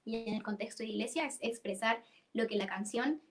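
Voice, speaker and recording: A young woman leads a singing workshop. Her voice sits high, and she explains things patiently, breaking into sung notes to show each vocal register. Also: a little fast. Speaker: singing teacher.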